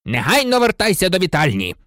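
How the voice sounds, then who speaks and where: A man's voice: high-pitched, wildly swooping pitch, fairly quick, no echo, clean studio sound, voice pushed up. A man voicing a suspicious, grumpy old male caretaker in an audiobook, who barks and splutters his words. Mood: angry. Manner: barking, spluttering.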